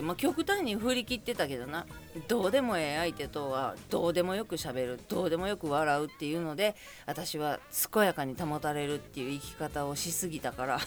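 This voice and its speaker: A woman with a Kansai accent, chatting alone as podcast host and telling a story with laughs along the way. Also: on the low side. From Kansai region of Japan. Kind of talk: casual solo monologue.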